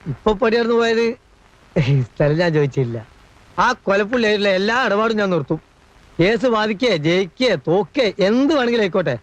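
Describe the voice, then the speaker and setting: A fussy alarmist busybody. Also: male voice, high-pitched, expressive, normal speed, dry recording, dull audio. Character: meddling gossipy middle-aged man, anxious busybody. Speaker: servant-like relative in a comedy film.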